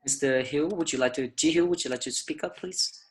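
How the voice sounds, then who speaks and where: A man's voice: a little high, a little fast, low-quality recording. A man hosting an online teacher webinar over a video call, speaking with many fillers and restarts. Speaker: webinar host. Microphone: computer mic on a video call.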